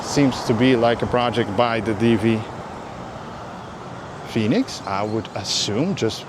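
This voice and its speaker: A man's voice: mid-range voice, slow. A man hosting a casual walking vlog, chatting in a hesitant, meandering, conversational way. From Aruba. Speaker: vlog host. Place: outdoors, walking along a road. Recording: noisy outdoor street with traffic. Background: clear outdoor street and vehicle noise.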